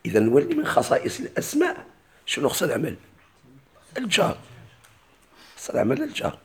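Gravelly Moroccan-accented grammar teacher. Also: male voice, on the high side, wildly swooping pitch, fast. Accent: Moroccan Arabic. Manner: asks questions and answers them himself. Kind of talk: classical grammar lesson.

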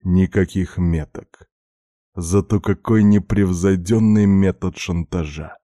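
Deep, slow male audiobook narrator. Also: steady tone, mellow, no echo, clean studio sound. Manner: low, measured, darkly intimate. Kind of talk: first-person fiction narration.

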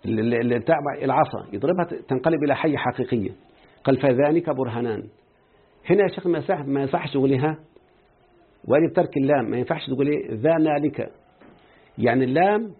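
Husky Egyptian teacher on tinny audio. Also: male voice, medium pitch. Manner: questioning his students as he explains. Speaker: Arabic grammar teacher. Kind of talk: explaining a grammar text in class.

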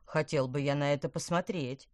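A woman's voice: sits low, moderate pace, no room sound, clean studio sound, close to an everyday voice. A woman voicing a bemused, puffing middle-aged father in a storybook.

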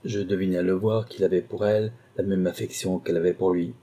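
A male audiobook narrator telling a first-person story. His voice is dark and husky and sits fairly low, and his delivery is measured and dramatic. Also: fairly even intonation. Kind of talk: scripted narration.

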